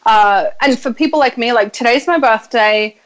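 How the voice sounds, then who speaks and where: A woman in her thirties with a fairly high voice, hosting a loose, casual chat. She talks bluntly and freely, swears without hesitation and leans on lots of ums as she goes. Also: moderate pace, low-quality recording. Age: 30s. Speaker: podcast host.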